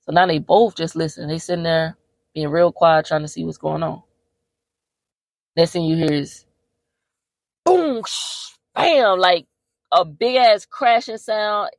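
A woman's voice: medium pitch, dry recording. Slangy woman recapping a movie. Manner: slangy, animated storytelling with profanity. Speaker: podcast host.

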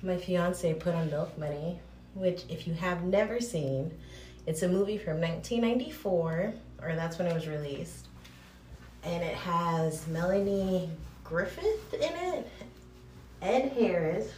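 Sitting far from the mic in a bathroom, a woman with a fairly low, slightly mellow voice chats casually as a podcast host recommending movies. She rambles informally and throws in playful asides, while the room adds a cave-like echo and the recording is noisy.

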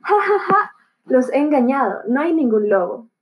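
A woman reading a storybook voices a mischievous young shepherd boy who shouts for help in a raised, high voice. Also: animated, moderate pace, muffled recording. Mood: laughing.

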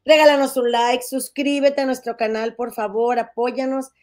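A Monterrey woman with a northern Mexican accent chats folksily on a casual gossip podcast. Her fairly high, level voice is a little mellow and moves at normal speed, but it comes out nasal and stuffy from a head cold.

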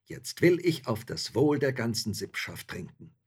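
A man's voice: medium pitch, big pitch swings, unhurried, a little mellow, slightly rough, pitched above the performer's own voice. A man voicing a bold, hungry, cheeky soldier in a storybook reading, talking in a boisterous, swaggering way.

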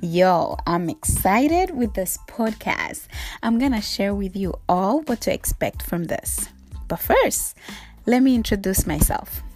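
A woman's voice: mid-range voice, sing-song, takes it slowly, darkish tone, faint music behind. A young woman from Rwanda hosting her own podcast, upbeat and playful, giving a motivational talk. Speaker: podcast host. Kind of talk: solo podcast monologue.

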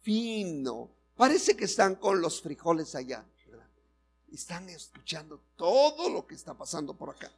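A man's voice: fairly high pitch, very animated, moderate pace, husky. A male pastor preaching a sermon, telling a story and acting out the characters' lines while speaking directly to the congregation.

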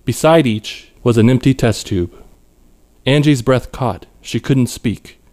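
A man reading his own short story aloud in a measured, even storytelling manner. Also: medium pitch. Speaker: author narrating his story. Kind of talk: scripted narration.

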